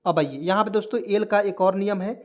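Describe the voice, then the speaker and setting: A man's voice: sits high, brisk, muffled recording. A man with a Hindi-speaking Indian accent, a teacher giving a pronunciation lesson, repeating words and answering his own questions. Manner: repetitive, drills words aloud, asks and answers own questions. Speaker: English teacher. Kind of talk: classroom lesson explaining pronunciation.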